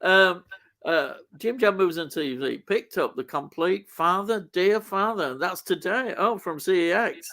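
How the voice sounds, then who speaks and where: A man's voice: high voice, measured pace, sharp tone. An older man with a Yorkshire accent, chatting casually about film and TV in an enthusiastic, rambling way as a show host. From Yorkshire, England.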